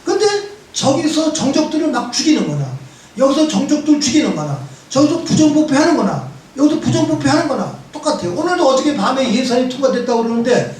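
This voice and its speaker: Speaking fast in an extremely high voice, this seventy-something priest tells stories full of wry humor during a chatty Bible lecture. The church hall makes him sound far away and very echoey.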